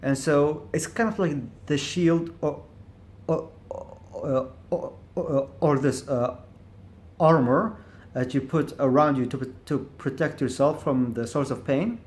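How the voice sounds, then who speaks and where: Slow-paced and slightly mellow, a higher-pitched male vlogger offers a reflective monologue to camera on his own. He stumbles over repeated syllables and restarts often, thinking aloud in a hesitant, searching manner.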